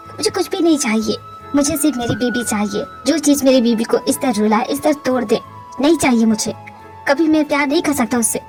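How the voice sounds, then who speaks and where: A gentle young husband as a woman lowers her voice to play him talks in soft, reassuring tones, still fairly high for a man. Faint music plays under this fan-dubbed romantic audio drama. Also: natural voice. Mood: soothing. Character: gentle young husband comforting his wife.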